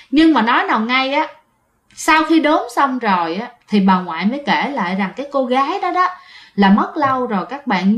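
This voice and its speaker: A woman's voice: a little high, highs cut off. A woman with a Southern Vietnamese accent telling a ghost story in a chatty way, often turning to her listeners and repeating phrases.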